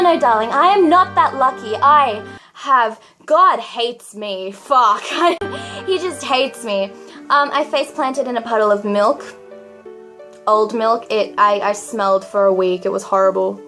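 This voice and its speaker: A young woman talks straight to camera in a very high, cute, girlish voice, delivering a confessional vlog monologue. Her manner is dramatic, and she keeps poking fun at herself. Soft music plays faintly behind her.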